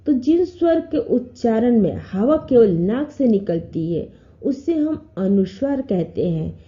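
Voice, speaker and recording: A woman teacher giving a grammar lesson, slowly reciting letters one by one and explaining each term with care. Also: a little high. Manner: slow, careful recitation of letters. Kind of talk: classroom lesson. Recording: dull lo-fi recording.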